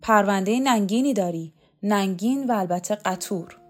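A woman's voice: medium pitch, natural voice. A woman voicing a cold, domineering female commander who barks harsh, clipped orders, read in a storybook. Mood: commanding.

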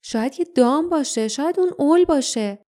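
Wary young girl as a woman reads her, high-pitched, hushed urgent warnings, mellow tone, storybook audiobook. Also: animated.

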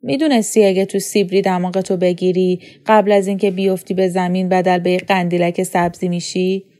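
A woman voicing a joking teenage boy in a storybook reading, with a teasing, deadpan delivery. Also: lowish voice, close to an everyday voice. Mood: playful teasing.

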